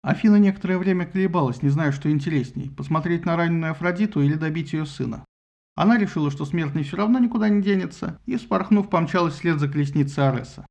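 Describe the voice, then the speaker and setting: A man narrating a humorous myth retelling in a wry, lively storytelling manner. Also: on the high side, fast talker, vocal fry.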